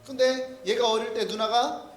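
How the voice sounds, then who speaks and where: A man's voice: very high-pitched, steady tone, normal speed, roomy sound, a little hiss or hum. A male pastor giving a humorous storytelling sermon, acting out quoted voices. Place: church sanctuary.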